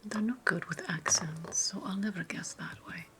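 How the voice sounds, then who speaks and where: In a whispered ASMR roleplay, a woman plays a haughty, playful ancient Roman noblewoman who teases, savors her words and often repeats phrases, in a playful, probing mood. Her medium-pitched voice, close to everyday speech, moves at a moderate pace over some background noise.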